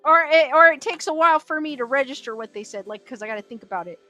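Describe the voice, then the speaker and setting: Fast and animated, a high-voiced woman with a sharp tone runs a livestream, chatting and laughing frequently while reading out comments from viewers. She learned Korean first in early childhood, and soft music plays in the background.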